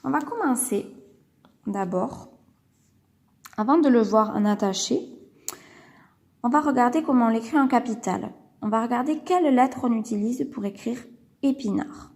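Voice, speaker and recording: A woman's voice: a little high, moderate pace, pauses often, a little mellow. A woman teaching a writing lesson to young children, patient and singsong as she explains. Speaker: kindergarten teacher.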